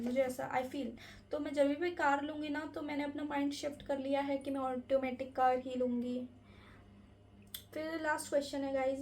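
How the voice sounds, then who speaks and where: A woman's voice: sits high, a little mellow, slight background noise. A young woman vlogger answering viewer questions in a casual Q&A vlog, earnest and advice-giving, slipping English words into her talk. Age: young adult.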